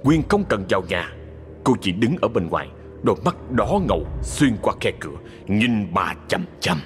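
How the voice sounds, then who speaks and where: A man narrating a ghost story in a dramatic scripted style, slowing for suspense. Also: fairly low pitch, sing-song. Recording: husky voice in long reverb with music.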